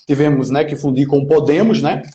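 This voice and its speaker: A man in his 20s, speaking as a political pre-candidate, answers interview questions emphatically, like he's giving a speech, and often caps his points with "né?". His voice is fairly high, fairly quick and warm, and the recording sounds roomy, slightly dull and lo-fi.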